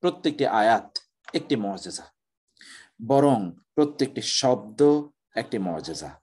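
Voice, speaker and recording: A man's voice: medium pitch, sing-song, darkish tone, slightly rough. Male professor giving an explanatory lecture. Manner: explanatory, recites Arabic examples slowly. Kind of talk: classroom lecture.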